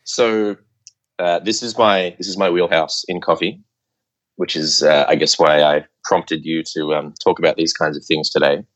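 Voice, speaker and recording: Brief: low-voiced male expert, patient explainer, slightly muffled line. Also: fairly even intonation, normal speed, fairly bright tone. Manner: explanatory, fillers like uh, lecture-like. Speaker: podcast guest, coffee expert. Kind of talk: casual interview talk.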